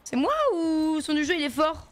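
A woman's voice: high-pitched, fairly even intonation, normal speed, faint music behind. A woman streaming a game, chatting loosely with her viewers in slangy talk while she plays. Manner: chatty, slangy, talks to chat while playing. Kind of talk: casual gaming stream chat.

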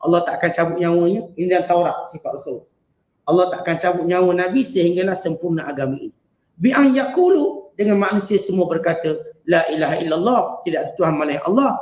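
A man with a Malaysian Malay accent teaching a Quran exegesis lesson, chanting Arabic verses slowly and then explaining them in lively everyday speech. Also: sits high, echoey room, dull audio. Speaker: religious teacher.

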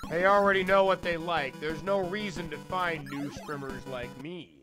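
A man's voice: a little high, moderate pace. A middle-aged man doing casual live gaming commentary into a stand microphone, joking and self-deprecating. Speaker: game streamer. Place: indoor streaming setup. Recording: retro game music behind voice.

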